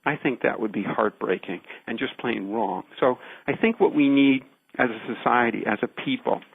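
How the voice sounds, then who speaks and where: A man gives careful, emphatic explanations as a radio interview guest. His mid-pitched voice is gravelly and husky, and it comes through a narrow, phone-like line. He stacks short phrases to drive each point home. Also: no room sound. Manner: deliberate, emphatic, builds points in repeated phrases. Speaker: research scientist, interview guest.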